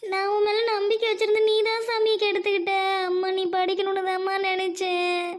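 A woman's voice: very high-pitched, completely flat delivery, a little fast. A woman playing a worried village mother who scolds her daughter with stern but loving emotion. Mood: anguished scolding. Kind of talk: amateur audio drama.

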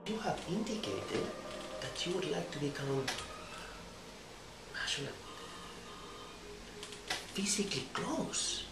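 A man playing a slow, probing psychiatrist. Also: a little high, big pitch swings, gravelly, roomy sound, over loud music, heavily acted, rough recording. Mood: detached. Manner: slow, measured and halting. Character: probing clinic psychiatrist, cool and condescending.

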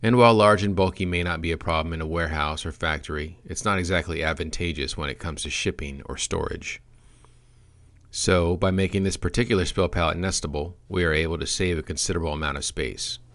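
Male product trainer with a deep voice, reading a script with dry, deadpan humor. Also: brisk.

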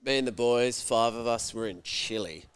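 A man's voice: medium pitch, moderate pace, clean tone. A man telling a story casually, swearing freely and acting out the voices of people in it. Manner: animated, swears freely, acts out shouted quotes. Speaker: guest.

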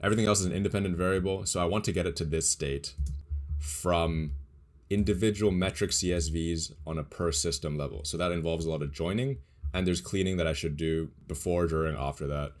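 A man's voice: low-pitched, brisk. A young man casually walking through his data science project on a screen share, explaining as he goes with small restarts. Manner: relaxed, explanatory, thinks aloud with small restarts. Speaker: data science tutorial creator.

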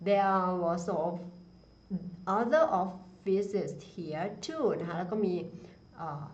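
Slow, patient woman teaching English. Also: fairly low pitch, big pitch swings. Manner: reads English slowly, repeats phrases, then explains. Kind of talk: slow bilingual English pronunciation lesson. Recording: dull lo-fi sound.

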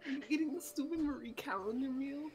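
A woman's voice: high-pitched, quick pace, noisy background. A woman in casual voice chat, teasing a friend bluntly and swearing often.

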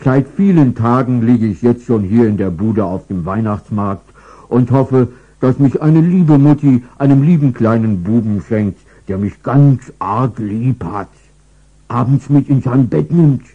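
Storybook teddy bear, gloomy, gruff, slow, tinny filtered sound, voiced by a male narrator. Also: medium pitch. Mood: grumbly, forlorn. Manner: grumbling, slow and sparing with words. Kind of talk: storybook character voice. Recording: thin phone-like filtered sound.

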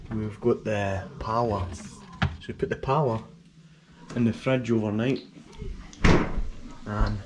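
Chatty young New Zealand man. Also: medium pitch. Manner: relaxed, chatty, repeats words while explaining. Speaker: vlogger. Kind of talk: casual cooking walkthrough. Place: home kitchen, indoors. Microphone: action camera. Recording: noisy home video with background hum.

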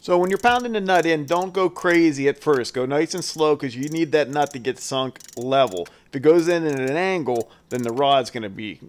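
A man's voice: a little high, normal speed, few pauses. A man hosting his carving channel, talking through a do-it-yourself build step by step in a casual, folksy voice-over. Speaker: chainsaw carver, channel host. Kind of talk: how-to voice-over.

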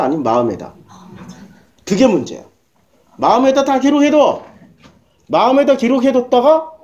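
A woman pastor delivers her sermon bluntly and emphatically, peppering it with rhetorical questions and coarse slang. Her voice is mellow and dark in tone, yet her pitch swings widely from phrase to phrase. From South Korea.

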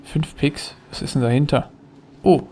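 A man's voice: mid-range voice, normal speed, warm tone, slight background noise. A man giving casual, chatty commentary while playing a video game, thinking aloud as he goes. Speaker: let's play gamer.

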